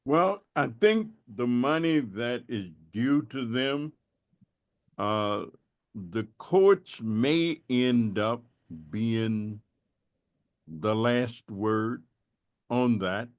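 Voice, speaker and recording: A man answering as a panelist in an online discussion, measured and deliberate. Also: mid-range voice, lively intonation. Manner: slow, measured, with restarts. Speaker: panelist, congressman.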